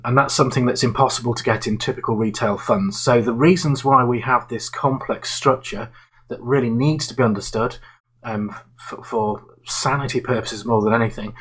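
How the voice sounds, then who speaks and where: Husky man explaining investments. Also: mid-range voice, a bit bright, poor audio. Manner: halting, many fillers and restarts, explains with analogies. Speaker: investment manager presenting to clients.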